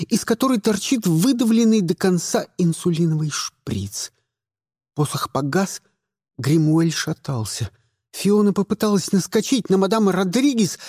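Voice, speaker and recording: A man reading a first-person audiobook at an unhurried pace, with a lively, rising and falling delivery and a wry edge. His voice is dark and mellow, and the sound is dry and close, with no room around it. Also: high-pitched, no room sound. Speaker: audiobook narrator.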